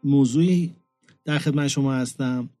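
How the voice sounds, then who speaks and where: A man appearing as a counseling expert guest on a radio show, speaking politely and measuredly, sometimes pausing to find words. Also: medium pitch, dark tone, no echo, soft background music. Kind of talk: radio interview.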